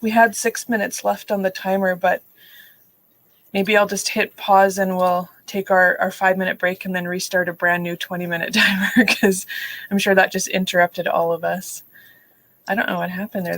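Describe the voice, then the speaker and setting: A woman's voice: lowish voice, gravelly, fairly bright tone, low-quality recording. A middle-aged woman hosting a live writing stream, chatting casually, telling stories and laughing often. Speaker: host of live writing sprints. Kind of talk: casual livestream chat.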